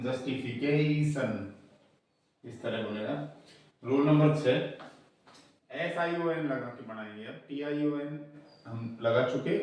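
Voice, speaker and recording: Man teaching in an echoey room. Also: mid-range voice. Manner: slows down to spell and repeat words. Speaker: English teacher. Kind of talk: explanatory classroom lesson. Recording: echoey room, distant mic.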